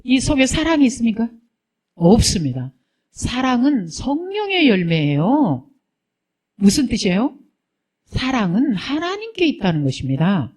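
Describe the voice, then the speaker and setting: A woman's voice: on the high side, wildly swooping pitch, unhurried, darkish tone, husky. A woman pastor preaching a sermon to her congregation, asking rhetorical questions and teasing her listeners.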